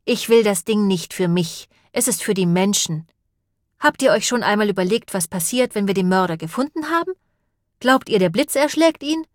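A woman's voice: mid-range voice, expressive, moderate pace, no echo, natural voice. A woman voicing a clever, determined female sheep detective in an audiobook, speaking with earnest insistence in a dry recording. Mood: urgent. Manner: earnest and insistent, rising to anger. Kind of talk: audiobook character voice.

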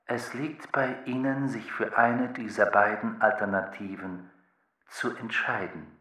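A man voicing a calm, cryptic thinking machine in an audiobook, speaking slowly and formally with an echoing machine effect. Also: medium pitch. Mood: aloof. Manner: slow, measured, formal. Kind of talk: audiobook character voice. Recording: roomy echo on the voice.

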